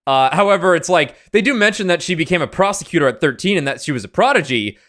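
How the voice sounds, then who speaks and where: A man's voice: a little high, animated, fast, fairly bright tone. A young man hosting a game stream, explaining the story in a rambling, casual way. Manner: rambling, with many fillers and restarts. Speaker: streamer, host.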